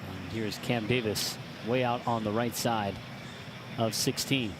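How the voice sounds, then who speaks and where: A man as lead golf commentator, calling play concisely with measured delivery of facts and yardages. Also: on the low side, fairly even intonation, noisy background.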